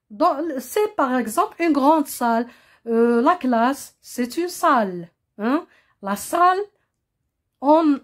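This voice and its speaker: A woman explains vocabulary to primary pupils at an unhurried, deliberate pace. Her voice sits a little high, and she repeats each word and keeps asking whether the class has followed. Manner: patient, repeats words, checks with "hein?" and "compris?". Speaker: primary school teacher.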